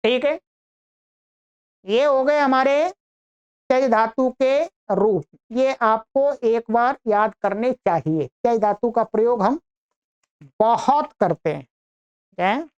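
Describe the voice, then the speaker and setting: A woman teaching an online grammar lesson, reciting verb conjugations in a slow, measured list. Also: fairly high pitch, a little mellow, clear, resonant tone, muffled recording. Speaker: Sanskrit teacher.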